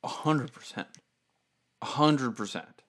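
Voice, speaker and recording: A man co-hosting a casual chat, telling a story in an animated, profane way with bursts of laughter. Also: medium pitch, slow pace. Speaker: podcast co-host.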